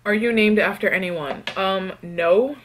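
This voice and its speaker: A young woman from New York doing a casual eating vlog. She answers tag questions and hums between bites in a relaxed, chatty way. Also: medium pitch, measured pace, a little hiss or hum. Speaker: mukbang vlogger.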